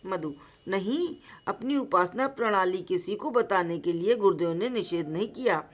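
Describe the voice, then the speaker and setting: A woman voicing a calm, firm male ascetic teacher in a slowly read devotional story. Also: mid-range voice, natural voice. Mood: patient. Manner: slow, measured reading voice.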